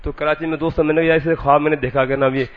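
A man from Sindh, telling his dreams in a halting, repetitive way with many restarts. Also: a little high, flat delivery. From Sindh, Pakistan. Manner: repetitive, stumbling, restarts phrases. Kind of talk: halting personal testimony. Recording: tinny lo-fi radio-like sound.

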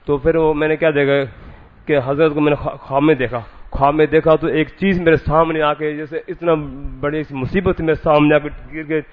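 A man from Sindh, telling his dreams in a halting, repetitive way with many restarts. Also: a little high, fairly even intonation. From Sindh, Pakistan. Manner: repetitive, stumbling, restarts phrases. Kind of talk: halting personal testimony. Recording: tinny lo-fi radio-like sound.

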